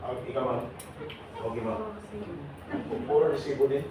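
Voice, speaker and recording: A man leading a seminar for overseas workers, teasing and questioning the audience in a lively way. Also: mid-range voice, moderate pace. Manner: teasing, jokey, calls on audience members. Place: large hall with audience. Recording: echoey hall, voice from far off, noisy.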